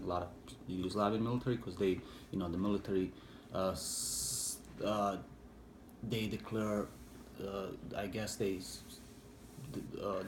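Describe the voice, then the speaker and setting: A middle-aged Bosnian war veteran with a low-sitting voice recalls his past in an interview, speaking English, which isn't his first language, with a Bosnian accent. His hesitant recollection is full of fillers and restarts, recorded in an echoey room with faint background noise.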